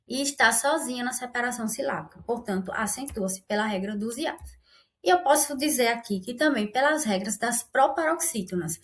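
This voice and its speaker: A woman teaching an online grammar lesson, explaining patiently and often checking in with her viewers. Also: fairly high pitch.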